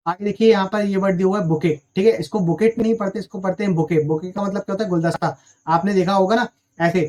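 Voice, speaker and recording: A man's voice: sits high, a little mellow. A young man teaching exam vocabulary in a recorded lesson, explaining each word with rhetorical questions and checking in after almost every line.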